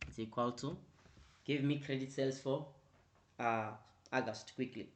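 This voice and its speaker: A man's voice: mid-range voice, fairly even intonation. Man tutoring, prompting with repeated "right?". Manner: repetitive, prompting with "right?" and "quickly"; grows louder and more emphatic when explaining. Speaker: accounting tutor. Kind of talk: online revision lecture.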